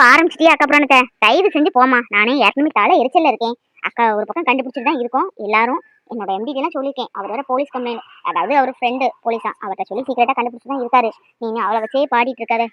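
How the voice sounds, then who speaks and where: A woman's voice: on the high side, racing, a bit bright, lo-fi sound, close to an everyday voice. A woman voicing an impatient, stressed young married woman in a cartoon. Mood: irritated. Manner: snappish, impatient.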